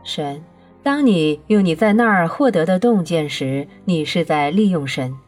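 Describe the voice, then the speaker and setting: A woman gives voice to a patient, all-knowing divine speaker who explains calmly and presses each point home, in a lowish register. Faint music runs beneath the audiobook reading. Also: a little slow. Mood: serene.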